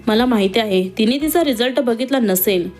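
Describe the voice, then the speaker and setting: A bold young woman fresh out of medical school, quick to defend her friend and fond of teasing, as a woman reading the story plays her. The voice is on the high side, with light music faintly underneath. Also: a little mellow, natural voice. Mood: lively. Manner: outspoken, teasing. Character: spirited young woman, newly qualified doctor.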